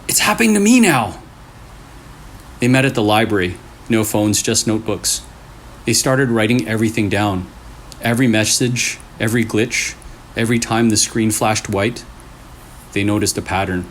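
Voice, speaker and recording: Reading scary stories aloud, this male host speaks in a lowish voice with fairly even intonation and a moderate pace. His short, suspenseful phrasing gives way to casual asides between tales, with slight background noise present.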